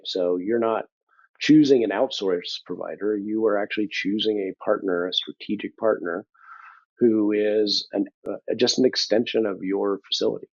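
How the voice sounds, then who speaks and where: A man's voice: fairly low pitch, no echo. Older man, reflective, dull dry audio. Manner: thoughtful, dry humor, frequent ums. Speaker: interview guest, business leader. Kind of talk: conversational interview.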